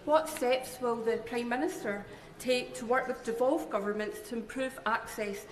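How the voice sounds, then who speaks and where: A woman's voice: on the high side, moderate pace. A woman with a Scottish accent delivering a formal, prepared parliamentary question. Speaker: member of parliament. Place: large indoor parliament chamber. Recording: echoey debating chamber.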